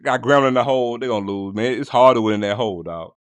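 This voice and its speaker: A man hosting a casual sports podcast, talking straight to his listeners in slangy, animated bursts. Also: medium pitch, fast talker, clean tone, no echo. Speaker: podcast host.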